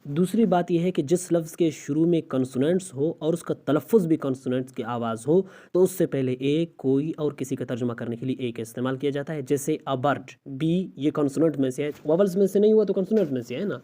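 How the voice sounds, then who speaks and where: In this recorded grammar lesson, a male English teacher breaks things down step by step while asking his student rhetorical questions. He speaks on the high side with a dark tone and hardly any pauses.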